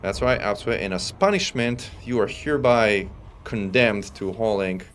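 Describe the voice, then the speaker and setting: Over faint music and constant background noise, an Italian man with a faint accent and a lowish, slightly slow voice streams a space game. He chats casually and reads his viewers' messages out loud in a relaxed way.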